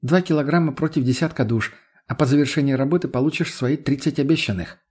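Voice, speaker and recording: A man voicing a calm, clever young woman who speaks in a measured, persuasive way. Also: medium pitch, husky, pitched above the performer's own voice, natural voice.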